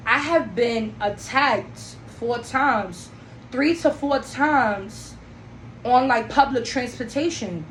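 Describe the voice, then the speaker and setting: A young woman from Trinidad hosting a solo podcast, telling her story in a blunt, animated way and swearing freely. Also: fairly high pitch. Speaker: podcast host. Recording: echoey room, faint background noise.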